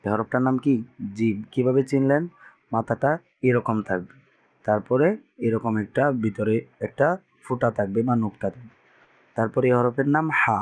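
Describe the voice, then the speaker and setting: A man teaching Quran reading to beginners, patiently repeating each letter sound for learners to echo. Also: mid-range voice. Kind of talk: teaching Arabic letters with call-and-response drills.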